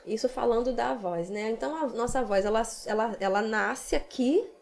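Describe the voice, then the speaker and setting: A woman's voice: fairly high pitch, normal speed, vocal fry, darkish tone. A woman singing teacher with a Brazilian accent, patiently explaining vocal technique in a casual podcast chat. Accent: Brazilian Portuguese.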